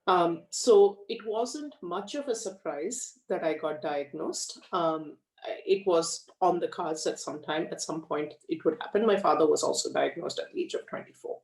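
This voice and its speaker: A woman's voice: lowish voice, animated, gravelly, darkish tone. Woman, roomy distant sound. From India, raised in Australia. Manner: frank, measured, many fillers. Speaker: guest. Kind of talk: conversational interview. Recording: echoey room, far from the mic.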